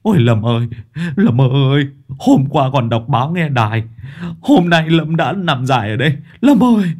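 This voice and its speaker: A man voicing a melodramatic male addict friend who wails a loud singsong lament. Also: medium pitch, very animated, normal speed, voice pushed up. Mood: wailing lament.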